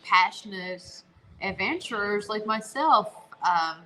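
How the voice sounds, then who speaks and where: A woman's voice: medium pitch, animated, slow, bright, forceful tone, faint music behind, rough recording. A woman from Newfoundland with a Newfoundland accent, chatting casually and enthusiastically as a guest co-host. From Newfoundland, Canada. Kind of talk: casual chat.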